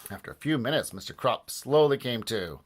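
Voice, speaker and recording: A man reading a children's book aloud with expressive, lively storytelling. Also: medium pitch, fairly quick, slight background noise. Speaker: audiobook narrator.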